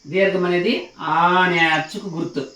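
A man teaching a beginners' grammar lesson, speaking slowly and patiently, repeating each point and checking that learners follow. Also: sits high, steady tone, bright, forceful tone, recorded from a distance. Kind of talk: classroom lesson. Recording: echoey room, voice from off the mic.

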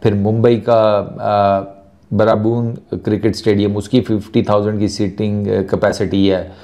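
Speaking into a lapel mic on a small furnished studio set, this sports host offers casual talking-head commentary in a warm, fairly low voice. His delivery is flat and a bit slow, yet he stays chatty and playful, reels off lists, and slips English words into his speech.

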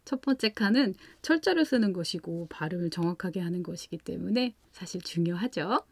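A woman hosting a parenting channel, calmly explaining English vocabulary practice for young children step by step. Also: on the low side, fairly quick, husky, no echo. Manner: calm, patient, explains step by step with examples. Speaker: parenting channel host teaching English at home.

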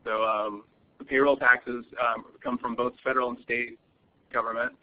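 A man's voice: medium pitch, flat delivery, normal speed. A man presenting a webinar as a lawyer, answering audience questions cautiously with many fillers and restarts. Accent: American. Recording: muffled lo-fi webinar audio.

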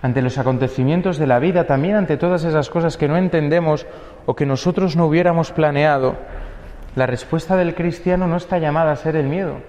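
Young man, priest's homily, mellow voice, dull sound, long church echo. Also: on the high side, a little fast. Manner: earnest, with spoken fillers and rhetorical questions.

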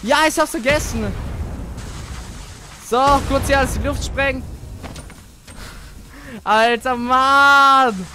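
Excitable young gamer. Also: male voice, very high-pitched, takes it slowly, long pauses, slight background noise. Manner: excitable, swears casually, talks to teammate while playing. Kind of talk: casual gaming commentary.

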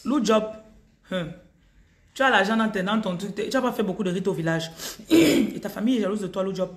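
A woman's voice: medium pitch, animated, a little fast. Cameroonian lady doing a live spiritual reading on her phone, keeps calling out names, echoey room. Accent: Cameroonian French. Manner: calls out viewers' names repeatedly, gives direct advice. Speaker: spiritual reader on a live stream. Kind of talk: live-stream energy reading. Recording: roomy echo.

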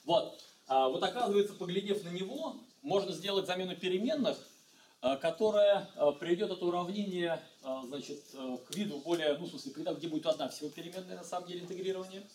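A middle-aged man giving a university physics lecture, talking in a halting way with many fillers and restarts. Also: sits high, a little mellow, slight background noise. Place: lecture room. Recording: echoey lecture hall, mic far off.

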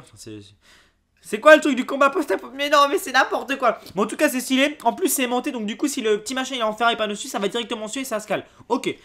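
A young man talks through an unboxing in a casual, excitable way. His pitch jumps around a lot as he reacts to each item, and he keeps breaking into exclamations. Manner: excitable, exclaims and laughs at items. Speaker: YouTuber unboxing a subscription box.

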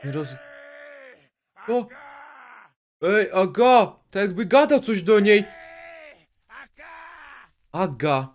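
A man hosting a game video, talking to his viewers with excitable, jumpy outbursts. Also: sits high, drawn-out words, pauses often. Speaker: gaming video host. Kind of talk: Minecraft let's play commentary.

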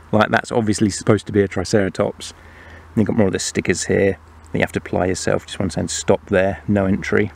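Low gravelly man showing toys. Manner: relaxed, explanatory, fillers. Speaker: toy reviewer. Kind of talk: casual toy review narration.

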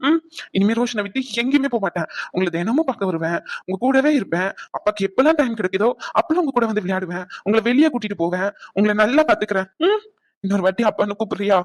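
A woman playing a quick-talking cartoon dad. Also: mid-range voice, expressive, no room sound, lightly acted. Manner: quick, soothing, playful. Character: young father, teasing and tender. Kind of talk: cartoon voice acting.

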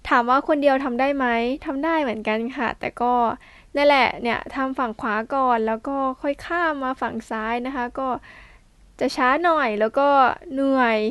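With a high, clear, resonant voice and no echo, this farmer speaks at a moderate pace while demonstrating field work. She walks through preparing a planting field step by step, politely and casually, sprinkling in soft particles as she instructs.

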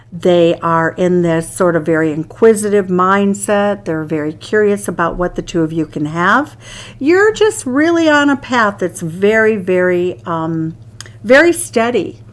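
An Irish woman reading tarot cards to camera, enthusiastic and exclaiming over each card as she turns it. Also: mid-range voice. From Ireland. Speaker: tarot reader. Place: indoors at a card table. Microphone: hands only seen, overhead camera on table.

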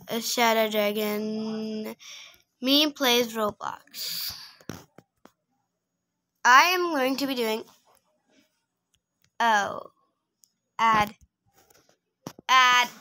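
A woman's voice: a little high, bright, forceful tone, dry recording, clean studio sound. A young woman talking casually while she plays a video game and records it, pleading and exasperated as she begs other players for trades. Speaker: gaming video creator. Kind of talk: casual gameplay commentary.

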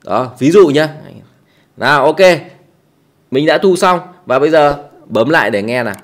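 A man giving a casual how-to tutorial in a small quiet room, chatty, with many fillers and repeated tag words. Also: a little high, lively intonation, fairly quick. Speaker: tutorial host.

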